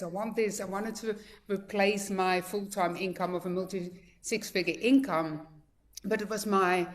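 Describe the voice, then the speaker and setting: A Dutch woman in her fifties, with a mixed Dutch accent and a fairly low-pitched voice, joins a video call as a guest speaker. She tells her personal story in a chatty, heartfelt way, using lots of fillers.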